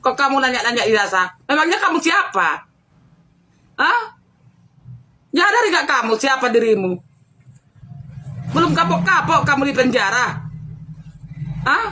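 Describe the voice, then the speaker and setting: High, bright scolding woman vlogger. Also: very animated, a little slow, pauses often, slight background noise. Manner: scolding, mocking, repeats taunting questions. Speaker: channel host. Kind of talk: angry commentary vlog.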